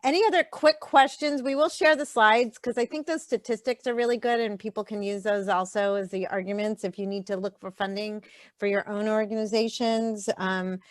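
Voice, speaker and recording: Halting woman hosting, close dry sound. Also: mid-range voice, fairly even intonation, no echo. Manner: halting, hesitant phrasing. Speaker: meetup host. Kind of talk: informal meeting moderation. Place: virtual meeting.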